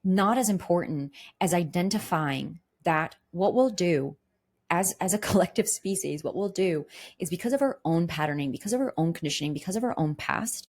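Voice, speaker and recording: Woman, low voice, podcast host, communication coach, earnest, teaching by example. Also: expressive, moderate pace, a little mellow. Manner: earnest, teaching with everyday examples and questions to the listener. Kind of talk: solo podcast monologue.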